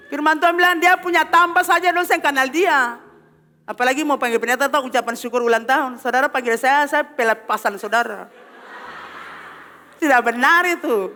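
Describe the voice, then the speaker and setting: A woman pastor with an Ambonese Malay accent preaching an animated sermon in a church, calling on the congregation for responses. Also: high-pitched. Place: church hall. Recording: long hall reverb.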